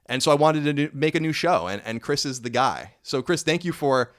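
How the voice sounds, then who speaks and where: Fast-talking man hosting a podcast. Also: on the high side, animated. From United States. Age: 30s. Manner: rambling, self-correcting, wry. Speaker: podcast host. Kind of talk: casual podcast chat.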